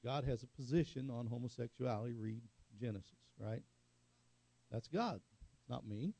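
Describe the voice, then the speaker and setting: A man's voice: mid-range voice, gravelly, darkish tone, no echo. A middle-aged man preaching a sermon in a conversational way, telling stories and asking the congregation for an amen. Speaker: pastor.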